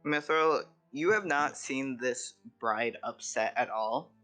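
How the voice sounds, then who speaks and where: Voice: medium pitch, takes it slowly, fairly bright tone, soft background music. A game master running a live tabletop game in a casual, chatty way, switching between narration and in-character lines.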